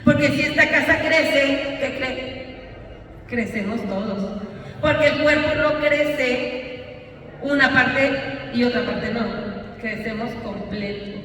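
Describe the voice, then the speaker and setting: A woman pastor, preaching with passion and rising to shouts. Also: high voice, slow pace, pauses often. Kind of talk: sermon. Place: church hall. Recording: echoey church hall from far off, faint noise.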